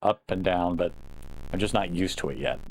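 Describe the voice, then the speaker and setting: A man's voice: sits low, moderate pace. A man giving casual gameplay commentary in a self-deprecating, mildly frustrated mutter. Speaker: video game player commentating. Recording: noisy, game sound behind voice. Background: retro video game noise.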